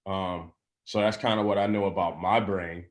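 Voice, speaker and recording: A man in his thirties talking in a casual group discussion, halting and restarting often, with fillers and easy laughs. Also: low voice, fairly even intonation. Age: 30s. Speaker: class participant.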